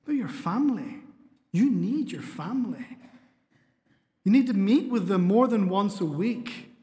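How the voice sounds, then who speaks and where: A man's voice: sits high, animated, measured pace, mellow. A middle-aged man, preaching a sermon with earnest storytelling and light humor. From Spain. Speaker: pastor. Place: church sanctuary. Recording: long hall reverb in a church.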